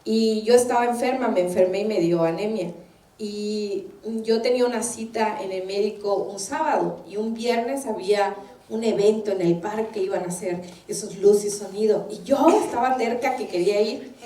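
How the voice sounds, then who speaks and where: A woman's voice: mid-range voice, moderate pace, dark tone. Woman preaching in an echoey room. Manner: anecdotal, acts out quoted voices. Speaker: minister preaching. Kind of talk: sermon. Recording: echoey room, distant mic.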